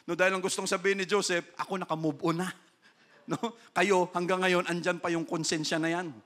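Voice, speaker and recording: A man with a Filipino accent preaching a sermon as pastor, reading scripture slowly and then explaining it, often tagging lines with "no?". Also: high voice, flat delivery. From Philippines. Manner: switches between English scripture reading and Tagalog explanation, frequent tag "no?"; reads scripture slowly and loudly, drops to quiet explaining.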